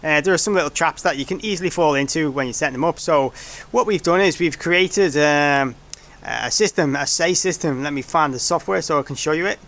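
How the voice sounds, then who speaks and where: A product developer presents a demo in an informal technical walkthrough, rambling and correcting himself along the way. His voice is a little high and a bit bright, and he talks briskly with few pauses.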